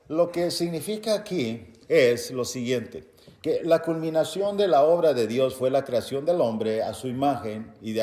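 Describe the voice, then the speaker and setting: A man preaching a Bible-teaching sermon, reading verses aloud and explaining them to his listeners as brothers, with loud emphatic bursts between quieter explanation. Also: medium pitch. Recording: echoey room.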